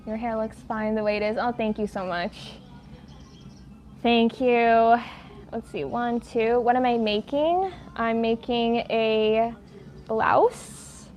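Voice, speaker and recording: A woman's voice: fairly high pitch, slow, darkish tone. A woman hosting a casual at-home livestream, chatting while she crochets, rambling and easily sidetracked, with a lot of "like". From United States. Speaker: livestream host.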